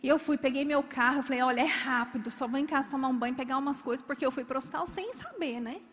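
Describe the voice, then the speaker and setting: A woman's voice: sits high, fast talker, a bit bright, long reverb tail, a little hiss or hum. A woman preaching a sermon, telling stories dramatically and acting out the people in them.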